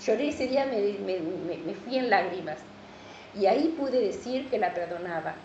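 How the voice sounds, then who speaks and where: A woman's voice: mid-range voice, lively intonation, moderate pace, warm tone, a little hiss or hum. Earnest Rioplatense woman pastor preaching, echoey. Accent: Rioplatense Spanish. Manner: earnest storytelling, repeats words and often says amen. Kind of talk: sermon with personal testimony. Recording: echoey hall, dull lo-fi sound.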